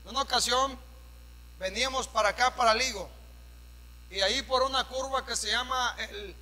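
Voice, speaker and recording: A Mexican pastor preaching a sermon, shouting at the peaks and dropping into casual storytelling with questions to the congregation. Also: male voice, very high-pitched, long reverb tail, low-quality recording. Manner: drops to a conversational storytelling tone for anecdotes. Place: church hall.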